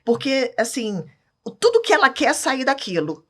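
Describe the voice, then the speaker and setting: A woman's voice: high-pitched, huge pitch swings, moderate pace. A Brazilian woman talking as a podcast guest, emphatic and candid, often checking that the listener follows. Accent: Brazilian Portuguese. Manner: emphatic, keeps asking "entende?".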